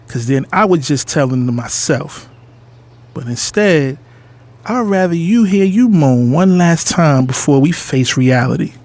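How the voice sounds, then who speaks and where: A man voices both narrator and lead in an audio drama, playing a cocky adult son in love who recounts his story with candor and intimacy. His medium-pitched voice is a little mellow and sounds much like an ordinary speaking voice, across first-person narration and dialogue.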